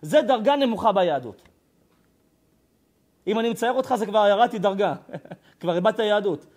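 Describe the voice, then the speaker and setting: A middle-aged rabbi preaching a sermon. His voice sits a little high for a man. He rises into loud, emphatic declaiming and drops into hushed, intense storytelling. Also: expressive.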